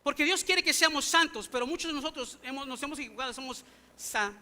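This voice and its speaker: The pastor's very high-pitched voice comes out fast, pushed and bright. He is preaching an emphatic sermon full of rhetorical questions to his congregation in a church sanctuary, using a language that is not his native English.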